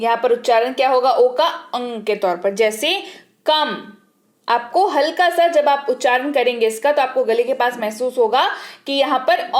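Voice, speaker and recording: A woman teaching English words, spelling each one out letter by letter and repeating it with its meaning. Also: high-pitched. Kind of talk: slow teaching lesson, spelling words aloud.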